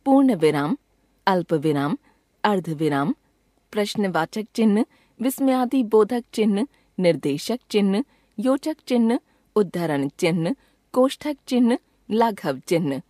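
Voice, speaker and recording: A woman reading a grammar lesson as scripted textbook narration, measured and slow on each example sentence. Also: medium pitch, lively intonation, warm tone, no room sound, studio quality. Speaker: grammar teacher.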